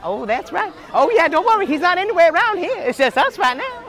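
A young man switching between impression voices of sweet, excitable cartoon characters in playful in-character chat. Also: very high-pitched, a little fast, full character voice. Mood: excited, friendly. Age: young adult. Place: outdoors at a busy theme park. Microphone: camera a few steps away. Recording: outdoor theme park crowd noise.

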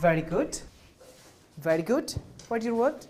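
A woman with a Bangladeshi accent leads a young class in sound practice. Her voice sits high, and she speaks slowly, spacing out each English word with care. The pupils answer her from around the classroom. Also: very animated, mellow, slight background noise. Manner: slow, clear drilling of single words, mixing languages. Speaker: primary school English teacher. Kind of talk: classroom teaching.

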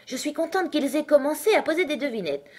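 A woman voicing Alice, a curious, polite young girl, in a storybook reading with a high, earnest voice. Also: lively intonation, fast talker.

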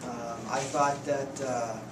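A man in his fifties, a head coach giving plainspoken, halting postgame answers at a press conference table. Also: mid-range voice, level tone. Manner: plainspoken, halting, restarts often. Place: press conference room, indoors. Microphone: table mics, heard from a distance. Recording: echoey room, distant mic, noisy.

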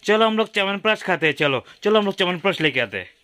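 A man with a high-pitched, expressive voice talks fast in a pushed, bright tone. He's recording a vlog at home indoors, patiently coaxing his young daughter by repeating the same questions over and over.

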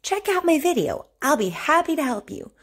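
A woman speech therapist leading a repeat-after-me word drill for children, over-enunciating each word slowly and deliberately. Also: sits high, big pitch swings.

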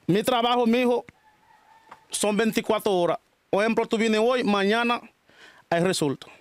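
Dominican man, high-pitched, dry recording, casual interview, says mijo a lot. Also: normal speed, smooth, no room sound. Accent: Dominican Spanish. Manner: calls people mijo and mija, repeats blessings. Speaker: spiritual worker interviewed.

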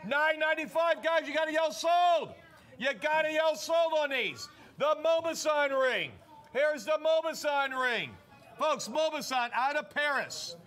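The host of a shopping show, a man with a high voice, keeps urging the audience to yell "sold" as he rattles off the same sales pitches quickly and repeatedly.

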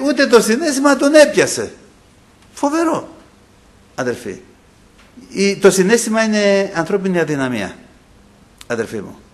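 Male pastor, fervent sermon delivery, slightly high voice, very lively pitch. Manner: impassioned preaching, acting out quoted voices, often addressing "brothers".

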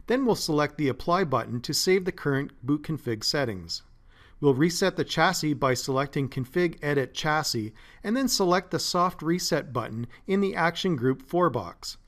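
A man narrating a scripted step-by-step tech tutorial as a support engineer, in a steady, methodical way. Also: fairly high pitch, normal speed. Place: voice-over, not recorded in the pictured place.

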